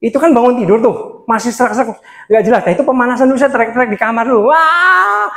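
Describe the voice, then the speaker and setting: A man with a touch, teaching beginners how to preach in a lively workshop style, swinging his pitch up and down and laughing often. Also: very fast. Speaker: preaching trainer. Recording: echoey room sound.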